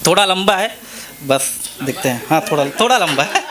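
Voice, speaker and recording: A man's voice: fairly high pitch, expressive, moderate pace, a crowd in the background. A man at an open mic reciting a long, repetitive poem line by line, with a Hindi accent. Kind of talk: reciting poetry. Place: open mic event venue.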